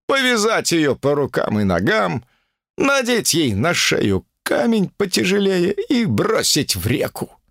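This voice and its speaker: A man playing a gravelly sanctimonious guru. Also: high voice, wildly swooping pitch, fairly bright tone, no room sound, clean studio sound, full character voice. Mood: self-righteous. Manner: sanctimonious, drawn-out preaching. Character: pompous fanatical male guru preaching against women. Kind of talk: audiobook character reading.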